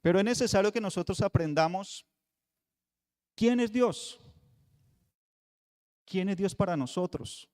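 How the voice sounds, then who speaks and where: A man preaching a Bible study sermon, with rhetorical questions and emphatic pauses. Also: high-pitched, darkish tone. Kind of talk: radio sermon teaching. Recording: long hall reverb.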